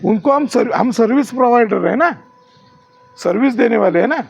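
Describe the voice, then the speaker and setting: A man's voice: extremely high pitch, animated, normal speed, creaky, husky. A man training security guards in class, quizzing the trainees with questions and showing rude and polite ways to talk.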